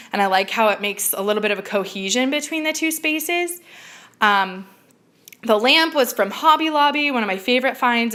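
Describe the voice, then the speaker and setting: A woman chatting casually and informally as she gushes through a live home makeover reveal tour. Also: on the high side. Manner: gushing, excited makeover reveal. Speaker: home decor blogger giving a live video tour. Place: indoors in a home dining room.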